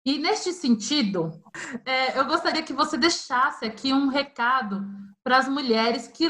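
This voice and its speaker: A bright, high-voiced woman hosting a podcast interview. She speaks warmly and with admiration toward her guest, and turns to talk directly to the listener. Her voice has a sharp, clear edge. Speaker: podcast host.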